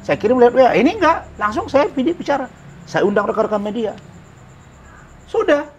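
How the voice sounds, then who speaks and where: A man speaks as a guest on a talk show, retelling events with emphatic, dramatic delivery. His voice sits high for a man and rises and falls across a wide range. There is a faint hiss beneath it. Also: big pitch swings, fairly quick, dull audio. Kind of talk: animated storytelling, acting out quoted exchanges.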